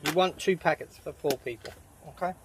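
Inside a canvas tent camp kitchen, a camp cooking host gives a casual cooking demonstration, walking through a simple recipe with relaxed, chatty step-by-step instructions. His voice sits a little high for a man and moves a little fast. The outdoor camp recording is noisy, with clear background noise.

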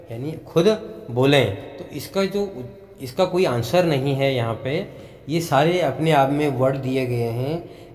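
A man gives a school lesson at an unhurried pace. He repeats each word patiently so pupils can follow. His voice rings in an echoey room with a long tail. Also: medium pitch, darkish tone. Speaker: teacher. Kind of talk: slow classroom lesson with recitation.

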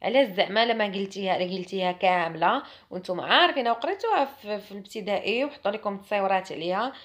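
A woman's voice: medium pitch, animated, very fast. A young woman with a Moroccan Arabic accent giving a chatty, emphatic French lesson to camera. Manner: chatty and emphatic, mimics others mockingly. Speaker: French teacher.

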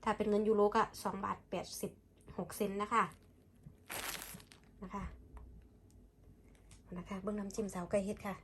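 A woman's voice: medium pitch, little pitch movement, normal speed, long pauses, noisy background. A woman with an Isan Thai accent chatting casually to viewers in a food vlog, often using polite, familiar particles. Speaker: food vlogger.

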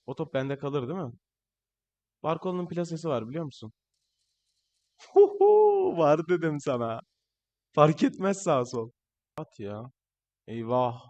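Young guy gaming, fairly high voice, gets worked up yelling at his players, voice kinda strained. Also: normal speed, long pauses. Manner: excitable, shouting at players on screen. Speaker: gaming channel host. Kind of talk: live gameplay commentary.

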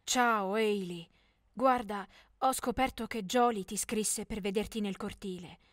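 A woman voicing a young man, an exasperated ex-boyfriend who talks loudly and pleads to be left alone. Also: medium pitch, a little slow, dry recording, clean studio sound, close to an everyday voice. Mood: stern.

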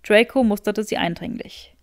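A woman narrating a fan fiction audiobook in an expressive storytelling read. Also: medium pitch, normal speed, no room sound, studio quality.

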